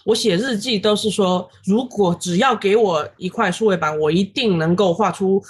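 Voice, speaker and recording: A woman in her thirties, a guest illustrator on a podcast, recounting her story in an animated way with many fillers and English words dropped in. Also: mid-range voice, normal speed, a little hiss or hum. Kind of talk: casual podcast interview.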